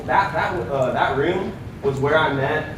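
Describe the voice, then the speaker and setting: A young American man with a fairly high voice and a somewhat slow delivery gives a casual testimonial onstage at a sales event. He leans on fillers and "right?" tags, and the large event room before an audience sounds echoey, with audible background noise.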